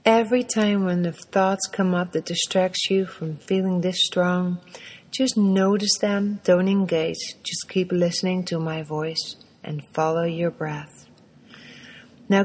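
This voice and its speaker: A woman leads a guided meditation in a soft, breathy voice that sits a little low. She moves through her instructions slowly and gently, leaving long pauses between phrases. A long reverb trails after her words.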